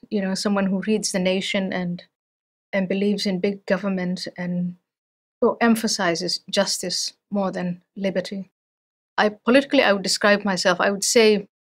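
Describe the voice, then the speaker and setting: Here a woman from Somalia, middle-aged and medium-pitched, answers questions as an interview guest. Her delivery is careful and deliberate, though she often stops and starts over.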